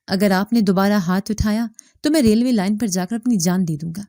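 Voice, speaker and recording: A woman voicing a defiant, careless young man in a spoken story, answering back in a shouting, reckless manner. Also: mid-range voice, no echo, clean studio sound, natural voice.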